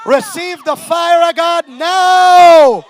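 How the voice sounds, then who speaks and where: Man preacher yelling prayers to cast out demons, really high voice, super slow and drawn out. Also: some chatter behind, slight background noise. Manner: shouted commanding incantation; slow repeated chant-like phrases. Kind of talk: deliverance prayer.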